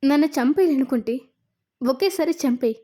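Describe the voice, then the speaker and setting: A woman's voice: sits high, lively intonation, moderate pace, warm tone. A woman voicing a captive young mother pleading tearfully, in a retold serial. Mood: desperate.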